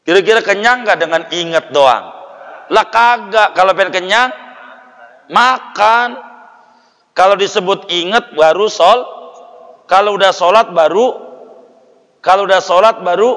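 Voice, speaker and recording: A man's voice: high-pitched, measured pace, long pauses, a bit bright. A man giving an informal religious lecture. He speaks plainly and acts out quoted people in a raised voice. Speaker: preacher. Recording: long hall reverb.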